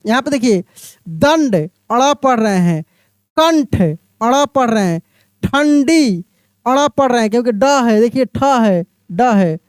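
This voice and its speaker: A man teaching a beginners' reading lesson, explaining slowly, repeating each word and putting questions to the listener. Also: very high voice, expressive, clean tone, no echo, clean studio sound. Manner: addresses the viewer as my friend.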